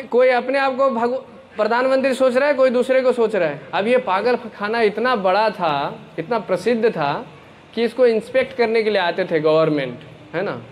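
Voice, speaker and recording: A man preaching a sermon to an audience, animated and full of questions, acting out the characters of his story. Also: extremely high pitch, a little hiss or hum.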